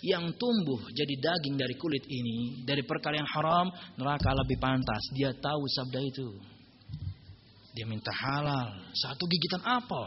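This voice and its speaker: A male Islamic preacher telling a story in a humorous religious lecture, joking and animated. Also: mid-range voice, moderate pace, muffled recording, background noise.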